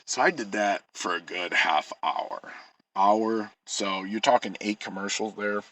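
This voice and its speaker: A man's voice: lowish voice, pushed and bright, rough recording. A man telling a rambling personal story in casual speech, swearing often and restarting sentences. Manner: rambling, profane, with frequent halting restarts. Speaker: vlogger.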